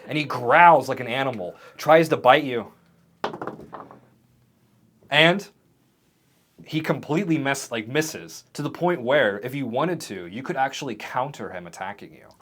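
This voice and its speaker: A man running a tabletop game as game master, narrating the scenes in a vivid, animated way. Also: medium pitch, a little slow, pauses often, a little hiss or hum.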